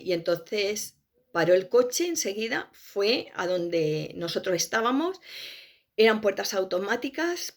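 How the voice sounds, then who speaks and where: A woman gives a personal testimony, her voice carrying a gravelly fry. She tells it with emotion, often halting and restarting her phrases. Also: mid-range voice. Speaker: testimony speaker.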